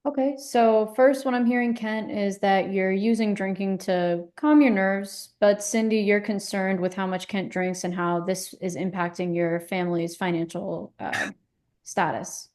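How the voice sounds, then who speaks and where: A calm female couples therapist, acted by a woman in a role-play session. Her voice is mellow and soft-edged at a middle pitch. She speaks in a measured, validating way and probes gently. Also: natural voice. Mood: calm, attentive.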